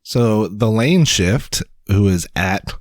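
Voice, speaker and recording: A man's voice: on the low side, animated, takes it slowly, no room sound. A man co-hosting a casual podcast, explaining the segment and cracking dry jokes. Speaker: podcast co-host.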